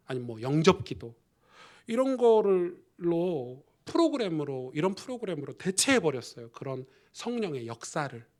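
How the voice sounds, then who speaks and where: A male pastor preaching a sermon in a chatty storytelling manner that swings from loud emphasis to hushed near-whispers. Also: fairly high pitch.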